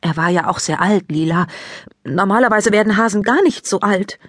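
A woman's voice: medium pitch, no room sound, studio quality, close to an everyday voice. A woman narrator voicing a sensible schoolgirl who speaks with concern and tries to comfort. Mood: worried. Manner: concerned and soothing, a bit halting. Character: caring schoolgirl, class representative, sensible.

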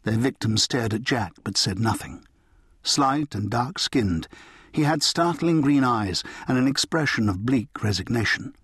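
Husky man narrating an audiobook. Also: medium pitch, lively intonation, a bit bright, dry recording, clean studio sound. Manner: measured, storytelling. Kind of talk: scripted narration.

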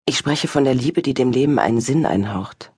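A poor old man speaks earnestly and calmly, unbothered and unhurried, as a woman narrator reads him. His lines keep her own husky voice in a dry, close audiobook recording. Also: extremely low pitch, no room sound.

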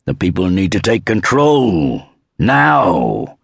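A man doing a deep rumbling scornful anarchist. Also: huge pitch swings, takes it slowly, vocal fry, husky, no echo, clean studio sound, heavily acted. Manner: scornful, forceful. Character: big middle-aged boozy anarchist ex-punk man.

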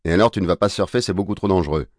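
A stern middle-aged father, worried and scolding, rising into an angry telling-off, as a man reads him in an audiobook. The voice is deep, and the recording is close and dry. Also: very fast, no room sound, close to an everyday voice.

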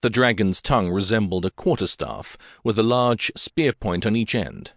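Male audiobook narrator, low voice, dry close studio sound, measured delivery. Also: no echo. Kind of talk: scripted fantasy audiobook narration.

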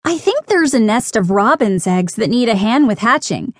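Woman voicing an impish fairy, playful, encouraging, lightly raised voice, unhurried, dry close sound. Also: a little high, sing-song, dry recording. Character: friendly, impish female fairy who talks to animals.

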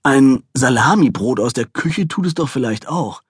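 Brief: groggy, exasperated expectant father, husky voice, read by the narrator himself. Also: mid-range voice, expressive, moderate pace, dry recording, clean studio sound. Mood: incredulous. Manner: flustered, exasperated. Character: sleepy, harried expectant father, young man.

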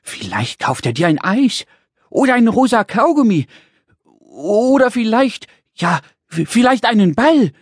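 A man voicing a tiny, excitable and impatient pink male creature in a children's audiobook, chattering nonstop in a whiny, fussy way. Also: high voice, measured pace, husky, dry recording, clean studio sound, pitched above the performer's own voice, full character voice.

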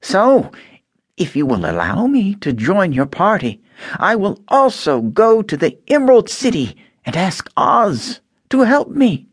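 A man voicing a polite, grateful tin woodman who pleads in a high, slow, drawn-out voice. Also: huge pitch swings, husky, no echo, clean studio sound, heavily acted. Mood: earnest.

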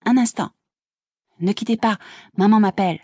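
A woman reading an audiobook voices an excitable young woman who gushes and chatters breathlessly. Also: mid-range voice, normal speed, husky, no echo, clean studio sound, pitched above the performer's own voice, natural voice. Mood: gushing. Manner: breathless, gushing. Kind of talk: audiobook character voice.

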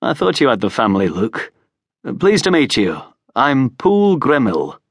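For an audiobook, a man voices a short, broad lord who is hearty, plain-spoken and hospitable, bluff and welcoming in an informal way. His medium-pitched voice swoops wildly in pitch at a moderate pace, recorded dry with studio quality.

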